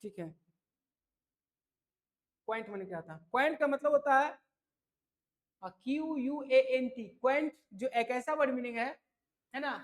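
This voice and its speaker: A man's voice: very high-pitched, unhurried, pauses often. A man teaching English vocabulary for an exam in a chatty, casual way, often checking in with listeners. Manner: chatty, repeats "है ना?" and "ठीक है" to check in. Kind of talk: casual tutoring lesson.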